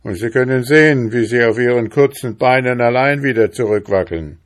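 A man doing a shouting, grumpy bear father. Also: mid-range voice, normal speed, pitched above the performer's own voice, close to an everyday voice. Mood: angry shouting. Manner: shouting, indignant. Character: grumpy, quick-tempered male bear father.

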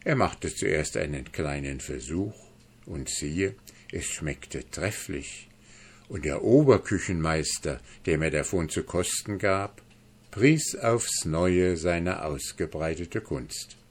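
A man reads a fairy tale aloud in an unhurried, measured way. His voice sits fairly low and moves at a very slow pace. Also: lively intonation, husky. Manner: measured, storytelling. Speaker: narrator. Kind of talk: audiobook fairy-tale narration.

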